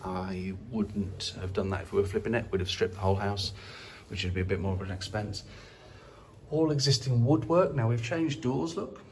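In a walkthrough video of an empty house, a property investor talks casually into the phone he holds at arm's length, often restarting and leaning on fillers. His lowish voice moves at a moderate pace, with a little hiss or hum audible.

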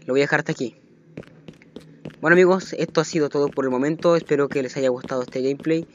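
A man giving let's play commentary on a horror game, jumpy and panicky, repeating phrases rapidly when chased. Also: medium pitch, highs cut off. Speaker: gaming channel host. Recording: noisy home recording.

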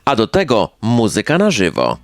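A man's voice: fairly low pitch, wildly swooping pitch, normal speed. A man reading scripted local news narration as a newsreel announcer. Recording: music bed under voice. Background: background music.

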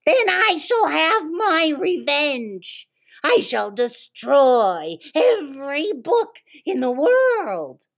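A woman voicing a pompous male villain scientist who stretches out his threats in a high voice. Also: big pitch swings, creaky, full character voice. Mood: menacing. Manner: grandly drawn-out threats.

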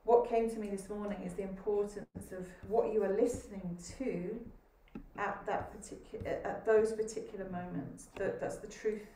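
A woman panelist speaks calmly and reflectively in a mellow, dark-toned voice. She sits away from her microphone in an echoey room. A faint hiss runs under her video-call audio. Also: medium pitch, moderate pace, recorded from a distance.

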